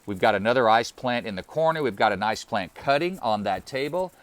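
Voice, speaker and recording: A man's voice: medium pitch, brisk. A man hosting a gardening channel, walking through his outdoor deck plants in an easygoing, plainspoken way with casual fillers. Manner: relaxed, friendly, plainspoken with fillers. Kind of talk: casual garden tour walkthrough.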